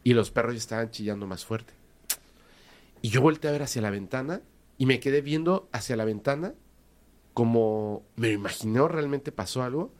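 Mexican man telling a story. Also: medium pitch. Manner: animated, hesitant, repeats words for emphasis. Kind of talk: casual storytelling in conversation.

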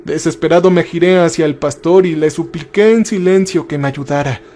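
A man with a notably high voice narrates a first-person horror story. He tells it steadily and lifts his pitch further when he speaks the characters' lines. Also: a little fast, warm tone.

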